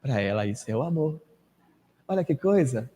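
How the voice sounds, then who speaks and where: A Brazilian man in his fifties giving a storytelling lecture to a live audience, acting out quoted people and dropping to a hush at times. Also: very animated, moderate pace, husky. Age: 50s. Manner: anecdotal, acts out quoted people with big pitch swings, drops to a hush. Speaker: spiritist lecturer. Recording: echoey hall reverb.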